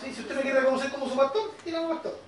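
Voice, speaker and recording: A man with a Chilean accent, a pastor giving a sermon, swinging from quiet asides to shouted, emphatic peaks. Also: very high-pitched, fairly even intonation, rapid-fire, echoey room, recorded from a distance, background noise. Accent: Chilean Spanish.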